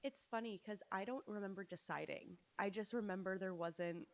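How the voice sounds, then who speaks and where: A woman's voice: medium pitch, moderate pace. A young woman from Los Angeles, a musician guest chatting casually in an interview, with many fillers and restarts. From Los Angeles, USA.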